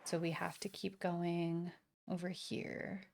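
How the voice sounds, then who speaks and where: A young woman streams gameplay live from home on a desk streaming mic, rambling casually with slang and the occasional swear. Her voice is fairly low, dark and flat, with vocal fry and a slow pace.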